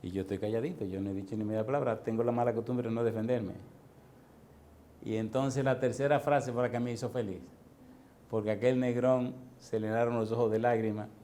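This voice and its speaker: A man's voice: mid-range voice, fairly even intonation, warm tone, slight background noise. Man preaching with call-and-response questions. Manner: quizzes congregation with rapid questions; slows down and stretches key words for emphasis. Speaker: pastor. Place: church congregation.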